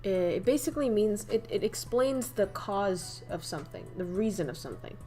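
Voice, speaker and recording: On a livestream with soft music in the background, a young woman from northern Vietnam teaches idioms, speaking with a Vietnamese accent. Her mid-range voice is dark, with lively intonation and a moderate pace, and she chats casually, laughs often and reads the chat aloud.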